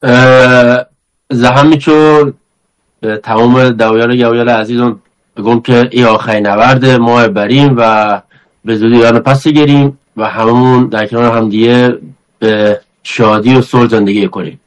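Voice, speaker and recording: A man's voice: medium pitch, fairly even intonation, rough recording. A man with a Bakhtiari accent giving a short political message as a panel guest.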